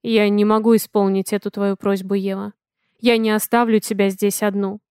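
A woman voicing a calm, protective male alien pilot in an audiobook, speaking in a steady, reassuring way. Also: mid-range voice, normal speed, clear, resonant tone, no room sound, clean studio sound, lightly acted. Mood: calm, gentle. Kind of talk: audiobook character voice.

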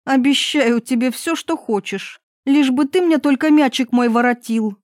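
A woman voicing a spoiled, easily frightened young princess with high, eager exclamations in a storybook reading. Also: moderate pace, a little mellow, no echo, clean studio sound, natural voice.

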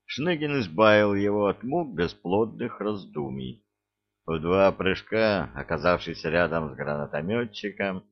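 A man's voice: sits low, gravelly. A man narrating an action novel as an audiobook, with wry, ironic asides to the listener. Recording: dull lo-fi recording.

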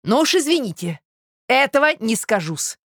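A woman reading aloud and voicing an outraged young man who shouts in fury. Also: on the high side, very animated, moderate pace, dry recording, clean studio sound, voice pushed up. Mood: furious. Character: furious young man, blustering and indignant.

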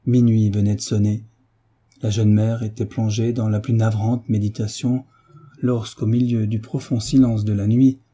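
A man narrating a classic novel as an audiobook, reading in a steady, dramatic storytelling manner. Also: mid-range voice, breathy edge.

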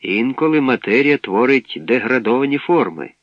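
A man's voice: mid-range voice, lively intonation, normal speed, no room sound, natural voice. A man voicing a stern adult male spaceship captain who speaks firmly and decisively, on a dull, dry recording.

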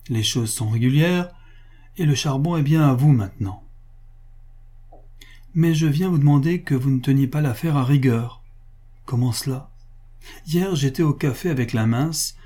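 A man's voice: mid-range voice, dark tone, voice pushed up, close to an everyday voice. A man reading as a pleading sixty-year-old merchant.

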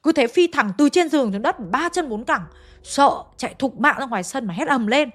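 A woman's voice: high voice, animated, a little fast. A woman telling a ghost story in a chatty way, turning to ask her listeners questions. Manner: chatty, addresses listeners directly. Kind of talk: oral ghost story narration.

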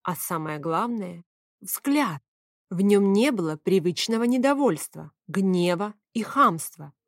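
A woman narrates an audiobook in the first person with lively, expressive storytelling. Her pitch is mid-range for a woman. The recording is dry and close to the mic. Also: measured pace, dry recording.

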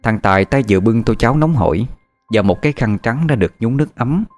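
A man's voice: medium pitch, animated, fast, darkish tone, soft background music. A man narrating a horror story in a dramatic, suspenseful way.

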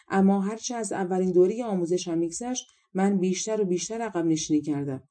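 A woman narrating a fairy tale audiobook, reading calmly and voicing each character in turn. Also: medium pitch. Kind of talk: storybook narration.

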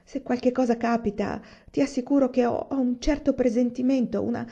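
A woman's voice: fairly even intonation, dark tone, breathy edge. A woman voicing an anxious, pleading young wife. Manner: quick, emotional, higher voice. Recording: dull lo-fi recording.

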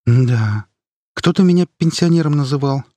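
A man's voice: mid-range voice, expressive, moderate pace, dark tone, no echo, voice pushed up, lightly acted. A man voicing a feisty, blunt old grandmother who scolds in folksy words. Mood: gruff scolding.

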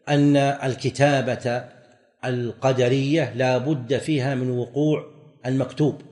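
A man teaching a religious lesson, explaining verses in a measured way and repeating his points. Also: mid-range voice, mellow. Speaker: Islamic scholar teaching. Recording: recorded lecture with long hall reverb.

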